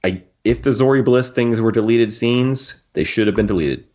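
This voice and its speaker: A male podcast host with a medium-pitched, darkish voice discusses a book casually but with strong opinions. He often halts to rephrase his thoughts, and the lo-fi recording sounds dull and muffled.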